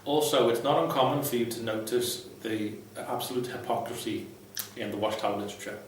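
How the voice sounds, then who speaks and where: An ex-Jehovah's Witness advice host talks casually to his viewers, blunt and irreverent with plenty of swearing. His mid-range voice runs a little fast. It's picked up by a distant mic in a very echoey room with some faint noise.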